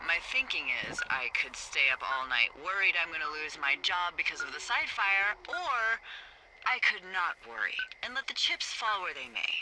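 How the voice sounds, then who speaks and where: An actress playing a playful, quick-witted fire lookout supervisor who talks over the radio in a video game. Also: female voice, fairly low pitch. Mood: worried. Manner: teasing, animated. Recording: game audio over loud forest noise.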